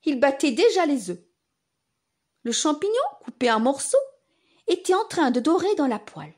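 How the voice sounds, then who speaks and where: A woman narrating a children's bedtime story in simple, expressive phrases, as if reading to a toddler. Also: sits high, moderate pace.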